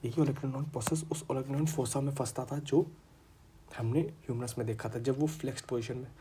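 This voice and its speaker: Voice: medium pitch, moderate pace, warm tone, husky, low-quality recording. An anatomy tutor with a sore throat, giving a casual online lecture in a chatty way and repeating terms for students.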